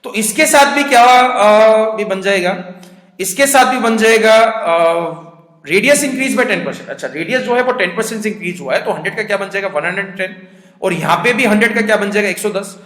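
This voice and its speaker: A man teaching aptitude math in a brisk, coaxing manner, asking questions and answering them himself. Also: high voice, fairly bright tone. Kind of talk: classroom math lesson. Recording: echoey room with long reverb.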